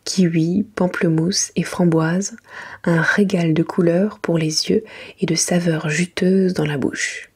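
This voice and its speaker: In a hushed, very breathy whisper, a woman with a slightly low voice reads a children's bedtime story. Her soft ASMR-style delivery is gentle, careful, slow, and steady in tone.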